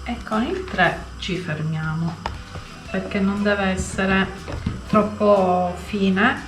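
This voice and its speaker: Female cooking presenter, unhurried step-by-step instruction, roomy sound with music underneath. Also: mid-range voice, fairly even intonation. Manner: instructional, repeats and narrates each hand movement. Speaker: home cooking show host.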